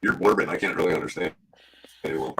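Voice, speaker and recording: Male stream host, low pitch, laid-back conversational delivery. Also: lively intonation, fast talker, bright, forceful tone, slight background noise. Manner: easygoing, laid-back banter. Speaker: livestream host. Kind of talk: casual chat.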